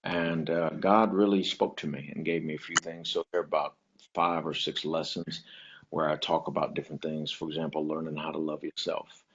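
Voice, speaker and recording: A man who is a preacher and author talking about himself as a guest on a chat show, in a slow, low, smooth manner. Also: little pitch movement. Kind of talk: casual interview talk. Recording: lo-fi sound.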